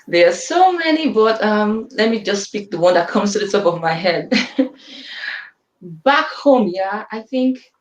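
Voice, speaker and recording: A woman's voice: medium pitch, animated, slow. A woman from Nigeria with a Nigerian accent, a student advisor talking animatedly and laughing often in a live Q&A. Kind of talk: live Q&A chat. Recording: roomy sound from far off the mic.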